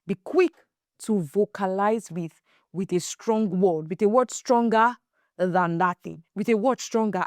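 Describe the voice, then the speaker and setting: A young adult woman hosting a faith-based podcast, telling stories in a casual, animated way and acting out the quotes. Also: medium pitch, dry recording, studio quality. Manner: animated storyteller, acts out quotes, emphatic repeats. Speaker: podcast host.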